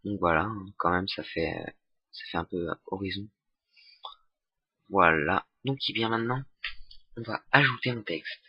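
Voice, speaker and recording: A young man giving a casual software tutorial, hesitant with many fillers and restarts. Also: low voice, moderate pace, long pauses, slightly rough, no room sound. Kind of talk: casual screen-recorded tutorial. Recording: dull lo-fi desktop mic.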